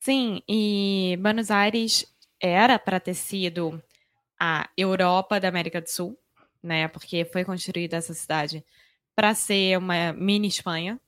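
A woman's voice: fairly low pitch, fairly even intonation, a little slow, a bit bright, dry recording. A Brazilian woman co-hosting a podcast in casual conversation, speaking expressively and emphatically. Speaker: podcast co-host.

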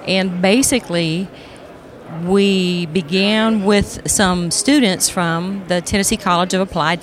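A female executive answers as an interview guest on a live podcast at a convention. Her voice sits at a middle pitch, and she explains things in a measured, businesslike way. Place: convention expo hall.

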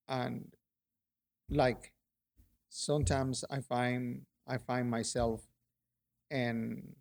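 A middle-aged Peruvian artist, mid-range in pitch with vocal fry, reflects in a relaxed interview. He halts often and keeps restarting his thoughts.

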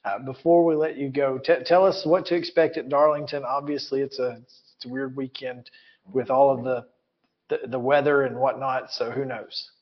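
A man's voice: medium pitch, steady tone, normal speed. A man hosting a casual sports talk show, easygoing and chuckling, often repeating words as he goes. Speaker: sports radio host. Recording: dull lo-fi sound.

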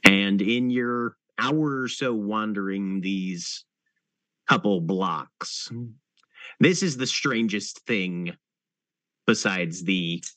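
A man with a fairly low voice runs a tabletop game as its storyteller. He narrates slowly, filling the gaps with thoughtful hums. His voice sounds dry and close, with no room echo. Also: pushed and bright. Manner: unhurried, with many thinking pauses. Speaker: game master.

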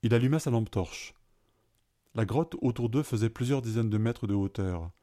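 A man reading an adventure story aloud in a calm, even narrating voice. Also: mid-range voice, normal speed.

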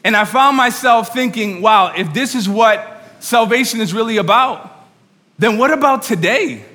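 A man preaching earnestly and excitedly to a congregation, often repeating and rephrasing himself. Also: extremely high pitch, moderate pace. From New York. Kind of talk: sermon to a congregation. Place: large room, speaking to an audience. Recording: reverberant hall sound.

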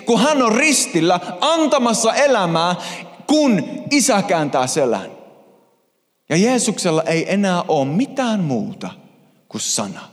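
A man preaching a sermon as pastor, impassioned, swinging between hushed and loud passages. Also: sits high. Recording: reverberant hall.

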